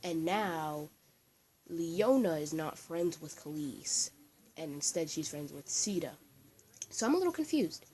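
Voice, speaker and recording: Low-voiced teen girl telling a story. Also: animated, measured pace, darkish tone. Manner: chatty, rambling, many fillers. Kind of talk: casual storytime narration. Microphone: voice-over, not on camera.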